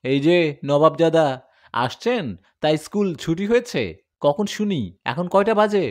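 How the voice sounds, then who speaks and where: A stern, sarcastic father in an audio story, barking at his son in a raised, strained voice, as the narrator acts him out. His rebukes rise high and loud, swinging sharply in pitch. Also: animated, measured pace. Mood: angry scolding. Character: stern, scolding father of a schoolboy.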